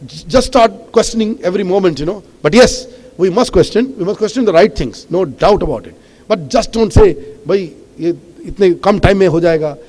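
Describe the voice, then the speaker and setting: A high-voiced man with an Indian English accent gives an impassioned speech from a stage, pressing his warnings hard and dropping "you know" between points. His voice carries a long reverb from a large event hall. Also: a little mellow. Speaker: awards host and speaker.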